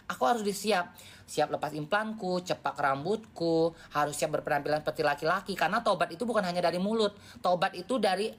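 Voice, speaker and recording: Woman about 40 on a phone live, talks straight at her viewers, kinda lowish voice, slangy and blunt. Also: fairly bright tone. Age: around 40. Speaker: livestreamer. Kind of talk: casual live-stream chat.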